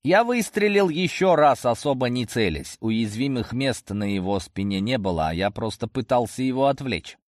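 A man's voice: medium pitch, animated, normal speed, few pauses, dry recording, clean studio sound. A man narrating a first-person fantasy audiobook in a tense, action-driven way.

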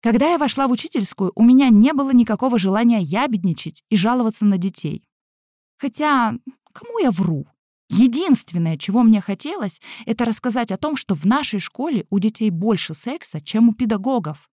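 A woman's voice: fairly high pitch, fairly quick, dry recording, studio quality. Wry woman telling a story. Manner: wry, ironic, deadpan asides. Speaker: school event organizer. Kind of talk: first-person humorous storytelling.

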